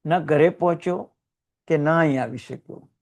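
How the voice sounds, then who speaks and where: A man from Gujarat giving a Jain sermon, telling moving stories with sudden rises in voice and hushed, quiet drops. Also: fairly high pitch, moderate pace, vocal fry. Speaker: Jain religious teacher.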